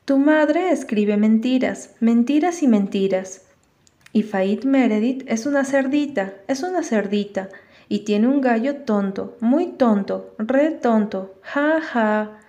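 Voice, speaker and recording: A woman voicing a rough schoolboy bully who taunts in a singsong. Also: fairly high pitch, lively intonation, slow, mellow. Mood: taunting.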